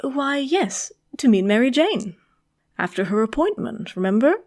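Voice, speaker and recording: A woman playing a kindly, doting elderly aunt in a comic book dub, gently fussing in mild puzzlement. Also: on the high side, big pitch swings, unhurried. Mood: fond, puzzled.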